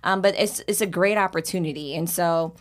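Emphatic low-voiced woman. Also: fairly quick. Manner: emphatic, often asks "you know what I mean?". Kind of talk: casual chat.

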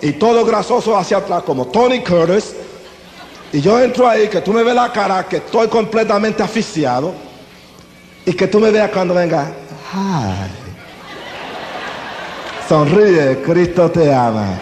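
A man's voice: high-pitched, animated, moderate pace, darkish tone, slight background noise. A man preaching a testimony sermon to a congregation, telling his story dramatically and acting out scenes. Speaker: evangelist giving testimony. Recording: echoey hall with faint ambience.

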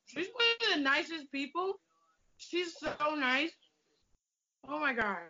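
A woman's voice: sits high, expressive, slow pace, pushed and bright. A woman chatting casually as a podcast co-host. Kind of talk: casual chat. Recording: dull, lo-fi audio.

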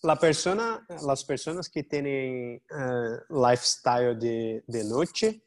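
A man's voice: mid-range voice, animated, takes it slowly. A man chatting casually as an interview guest, in Spanish tinged with Portuguese, a mix of the two. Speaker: podcast guest, jiu-jitsu gym owner.

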